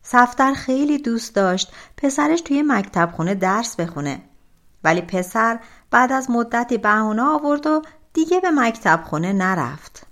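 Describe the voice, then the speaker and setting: Lady telling an old folk tale, super lively pitch, a bit high, drawn-out endings. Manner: expressive, colloquial, drawn-out phrase ends. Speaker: audiobook narrator.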